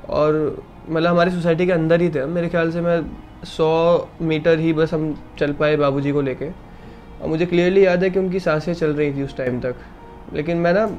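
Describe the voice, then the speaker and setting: A young man, a vlogger, quietly recounting a personal loss in a halting, somber way. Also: fairly high pitch. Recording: slightly dull recording with faint background noise.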